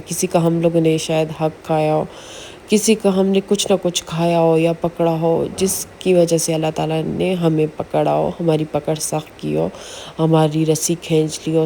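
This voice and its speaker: A woman vlogging in a chatty, earnest way about faith, with many pauses and fillers. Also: low voice, warm tone, slight background noise. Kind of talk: casual religious advice vlog.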